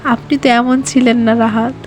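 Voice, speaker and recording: A woman's voice: a little high, level tone, moderate pace, faint music behind, lightly acted. A woman voicing a heartbroken young woman who pleads in a trembling, tearful voice in an audio story.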